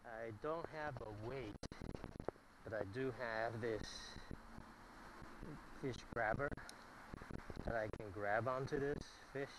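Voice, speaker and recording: A man filming himself fishing, talking in a halting way with many fillers and repeated words, recorded outdoors on a head-mounted camera. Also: mid-range voice, heavy background noise. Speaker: angler filming his catch. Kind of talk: casual fishing vlog narration. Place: outdoors at a pond bank. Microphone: head-mounted action camera.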